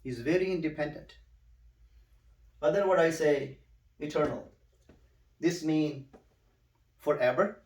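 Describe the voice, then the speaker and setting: A man tutoring one student in recitation, patiently explaining and repeating words slowly so the student can echo them. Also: fairly high pitch, darkish tone, far from the mic. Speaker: Quran recitation teacher. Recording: roomy, a bit off-mic.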